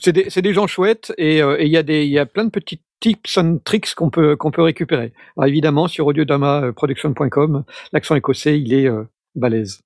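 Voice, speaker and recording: Podcast guy rambling along, lots of euh, slightly high gravelly voice, dry close sound. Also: a little fast, a little mellow, no room sound. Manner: hesitant, many fillers and restarts. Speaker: podcast panelist. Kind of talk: casual chat.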